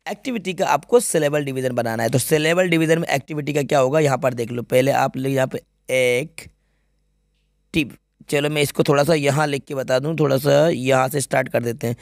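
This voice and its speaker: A slightly high, gravelly male voice leads an English grammar lesson, stepping through an exam paper and repeatedly confirming that students follow along. It's a clean studio recording without echo.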